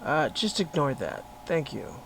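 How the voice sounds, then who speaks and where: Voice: medium pitch, big pitch swings, measured pace, vocal fry, a bit bright. A podcaster thinking aloud while editing a story, muttering and correcting words as they go. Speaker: podcaster and writer. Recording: noisy room with constant hum.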